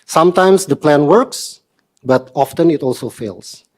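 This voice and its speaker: An Indonesian man in his forties, a member of the public, delivers a prepared statement to a council meeting. He speaks earnestly in a measured, slightly formal way, and his voice is on the high side.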